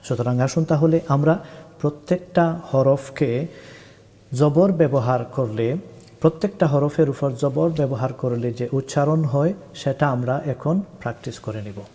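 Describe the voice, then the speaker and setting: A man's voice: medium pitch, unhurried, dark tone. A man teaching Arabic letter sounds for Quran reading in a recorded lesson, speaking patiently and drawing out the spelled syllables. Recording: long hall reverb.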